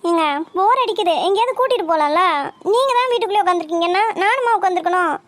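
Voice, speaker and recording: A woman voicing a sharp-tongued young wife. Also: very high voice, no echo. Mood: complaining. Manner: quick, scolding and teasing. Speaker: wife in a cartoon family story. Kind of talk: cartoon voice acting.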